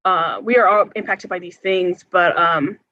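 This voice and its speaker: A woman's voice: fairly low pitch, unhurried, pushed and bright, no room sound. A young woman from the United States, an organizer, earnestly answering forum questions with many hesitations and filler words. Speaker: health care organizer, forum guest speaker. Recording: dull, muffled sound.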